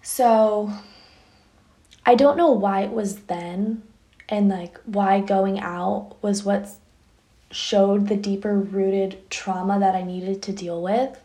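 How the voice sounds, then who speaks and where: A young woman hosts a podcast and tells her own story candidly. She talks in a chatty way, full of fillers and restarts. Her mid-pitched voice has a gravelly fry in it. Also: fairly even intonation, slow pace, dark tone. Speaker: podcast host. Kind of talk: personal storytelling monologue.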